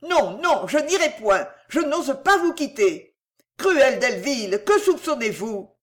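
A woman reading the part of an anxious young woman, speaking high and urgent, in a pleading way. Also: big pitch swings, unhurried. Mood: distressed.

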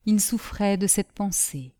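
Mellow-voiced woman narrating a novel. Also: mid-range voice, lively intonation, no echo, studio quality. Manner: measured, literary.

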